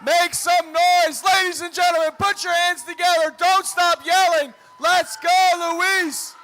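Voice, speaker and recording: A man announcing a powerlifting meet live, working up the crowd like a showman with booming calls, drawn-out numbers and urging. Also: steady tone, pushed and bright, shouting. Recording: crowd noise in a live venue.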